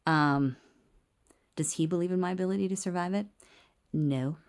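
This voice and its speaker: A woman's voice: lowish voice, normal speed, clean tone. A woman recording a candid personal video diary in a small clinic room on a handheld phone, speaking wryly and sometimes dropping to a whisper. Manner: candid, wry, drops to a whisper at times. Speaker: video diarist.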